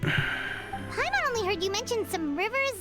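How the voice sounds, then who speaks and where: A woman's voice: big pitch swings, a little slow, full character voice. A woman voicing a tiny, curious fairy companion in a video game who refers to herself by name in the third person. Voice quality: high squeaky childlike voice. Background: loud game music.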